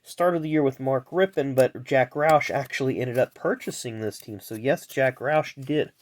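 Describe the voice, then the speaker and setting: A man's voice: mid-range voice, normal speed. A man with a stuffed-up, nasal voice gives chatty, casual commentary as a video host, reeling off names and adding asides. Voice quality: nasal, congested, blocked nose. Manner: chatty, reels off names then adds asides. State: stuffed-up sinuses. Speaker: host of a racing trading card pack-opening video.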